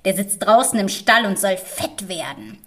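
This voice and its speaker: A man voicing a wicked old witch who eats children, with a high cackling, mocking voice in a fairy tale reading. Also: expressive, normal speed, fairly bright tone. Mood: cackling, spiteful.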